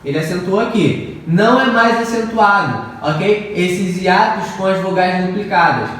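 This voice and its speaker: High-voiced male teacher in an echoey room. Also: a little slow, a bit bright. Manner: patient, repeats rules and keeps checking with "ok?". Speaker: Portuguese teacher. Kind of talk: lesson going over grammar exercises. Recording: echoey room, from far off, faint noise.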